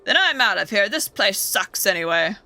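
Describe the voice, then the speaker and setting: A woman's voice: medium pitch, sing-song, normal speed, sharp tone. A woman voicing a hotheaded spider in a game who talks in brash slang and wants to fight. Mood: belligerent. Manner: brash slangy trash talk.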